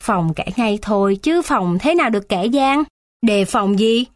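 A woman's voice: mid-range voice, lively intonation, a little slow, no echo, clean studio sound, close to an everyday voice. A woman voicing an aggrieved elderly grandmother who pleads and protests with indignant, plaintive lines. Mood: remorseful.

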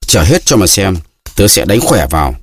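A man shouting as a brutal drunken peasant. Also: low voice, big pitch swings, moderate pace, husky, no room sound, exaggerated voice. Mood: furious. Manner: shouting, blustering. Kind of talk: audiobook character reading.

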